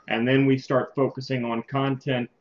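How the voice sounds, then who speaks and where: A man leading an informal online team meeting, talking in a halting, casual way. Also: medium pitch, little pitch movement. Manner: informal, halting, tallies votes aloud. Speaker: meeting leader. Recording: muffled call audio with faint noise.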